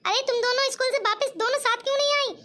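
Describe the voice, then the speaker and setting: A woman's voice: very high voice, quick pace, bright, forceful tone. A woman voicing an anxious, meek young mother in a cartoon comedy, pleading and fretting. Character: worried meek young mother, elder daughter-in-law.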